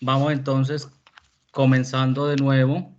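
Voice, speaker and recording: A man teaching a philosophy class over a video call, explaining slowly and checking in often with the students. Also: medium pitch, monotone, a little mellow, muffled recording. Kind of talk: online class lecture.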